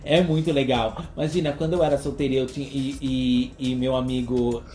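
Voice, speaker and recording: A man with a Brazilian Portuguese accent chatting casually, expressive and emphatic, quick to exclaim. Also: medium pitch, faint music behind. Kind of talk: casual chat. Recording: roomy echo.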